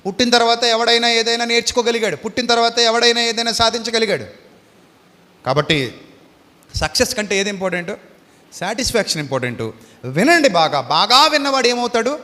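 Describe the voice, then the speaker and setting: A man's voice: sits high, pushed and bright, long reverb tail. A man preaching an Easter sermon, firing rhetorical questions at the audience in an emphatic, repetitive cadence.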